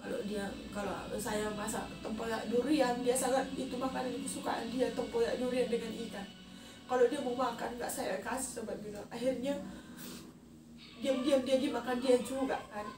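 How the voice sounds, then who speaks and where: A woman in her thirties telling a personal story in a halting, emotional way. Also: on the high side, fairly even intonation, music in the background. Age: 30s. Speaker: vlogger. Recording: echoey distant mic with noisy ambience.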